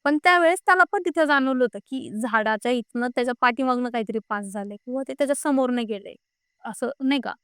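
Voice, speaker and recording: A young woman guest, high-voiced, fast, clear and resonant, shares her personal ghost encounter in casual spoken storytelling. Her animated retelling leans on repeated quotes of what people said, and the studio-quality recording is dry.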